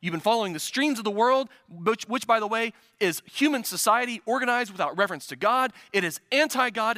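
A Midwestern pastor preaches a sermon, building toward urgent, emphatic repetition. His voice is high-pitched, pushed, and bright, recorded with clean studio sound and no echo.

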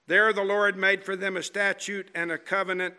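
Male preacher, high and bright, slow dramatic delivery, sinks to a soft hush for emphasis. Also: clean tone. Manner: dramatic, animated storytelling with rhetorical questions; drops to a quiet, slow, low voice for emphasis. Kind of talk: sermon.

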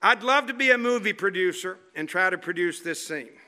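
Male preacher, high and bright, slow dramatic delivery, sinks to a soft hush for emphasis. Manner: dramatic, animated storytelling with rhetorical questions; drops to a quiet, slow, low voice for emphasis. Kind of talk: sermon.

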